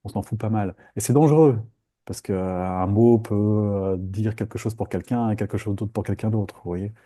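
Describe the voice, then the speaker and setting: Dark husky-voiced man teaching meditation. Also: lowish voice, moderate pace. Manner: lively, playful, acts out inner voices. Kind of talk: live group meditation talk.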